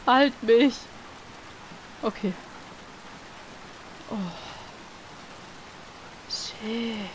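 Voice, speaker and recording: A woman's voice: fairly high pitch, drawn-out words, pauses often, noisy background. A woman giving let's play commentary, easily frightened, swearing often and shrieking when scared. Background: game music.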